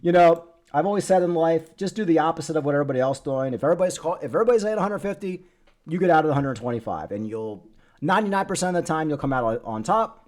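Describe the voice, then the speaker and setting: Higher-voiced man, blunt crypto bro host. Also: expressive, fast talker, darkish tone. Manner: crypto bro hype talk, blunt and opinionated. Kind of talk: casual off-the-cuff market commentary.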